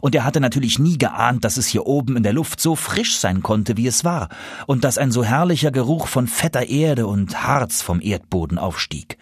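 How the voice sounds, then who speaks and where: A man reading a children's story aloud as a narrator, expressive and lively. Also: mid-range voice, normal speed, slightly rough, no echo, clean studio sound.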